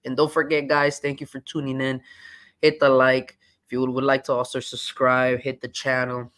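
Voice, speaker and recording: A man hosting a casual sports podcast, talking in a relaxed way and signing off to viewers. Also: mid-range voice, normal speed. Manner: relaxed, eating while talking. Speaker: podcast host.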